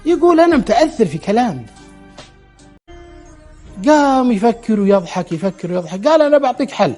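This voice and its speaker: A man's voice: very high voice, very animated, brisk, dark tone, soft background music. A man telling a true story aloud, relaying the dialogue in quotes and often restarting his words. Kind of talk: spoken storytelling.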